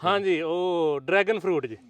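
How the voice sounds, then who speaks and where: A man's voice: high-pitched, normal speed, no echo. A man with a Pakistani Punjabi accent chatting casually and politely as a farm owner. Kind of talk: casual chat.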